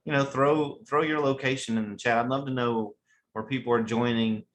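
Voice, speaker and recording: A man's voice: mid-range voice, steady tone, a little fast, fairly bright tone, a little hiss or hum. An enthusiastic man with a West Virginia Appalachian accent, hosting a webinar in a casual, chatty, folksy way. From West Virginia, USA. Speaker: webinar host.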